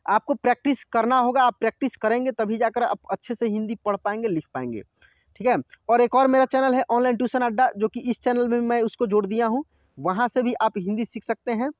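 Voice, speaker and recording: A man teaching Hindi reading, drawing out each word slowly and often checking that the learner follows. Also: very high voice, no echo. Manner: drawn-out word pronunciation, frequent checking "theek hai". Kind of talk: slow spoken reading lesson.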